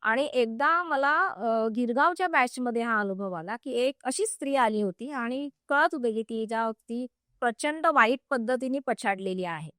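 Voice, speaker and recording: Bright, high-voiced woman telling a story. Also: animated, moderate pace, dry recording, clean studio sound. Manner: vivid, acts out quoted speech. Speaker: spiritual teacher. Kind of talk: storytelling in a podcast interview.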